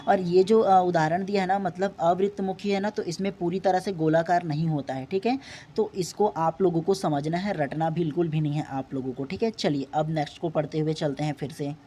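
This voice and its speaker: A man teaching an exam-prep lesson. He explains patiently, repeats points, and sounds out each vowel slowly. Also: fairly high pitch, steady tone, mellow, a little hiss or hum. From Chhattisgarh, India.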